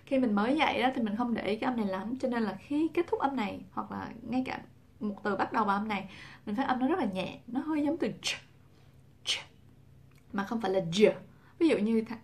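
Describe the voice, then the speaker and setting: A young woman teaching English pronunciation in a casual talk to camera, saying example words slowly and repeating them. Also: on the high side, darkish tone.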